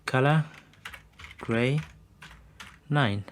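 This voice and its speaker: Male coding tutor, mid pitch, talks through each step while typing, faint hiss and keyboard clicks under the voice. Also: extremely slow. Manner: talks while typing, thinks aloud with fillers. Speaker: coding instructor. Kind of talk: screen-recorded coding tutorial.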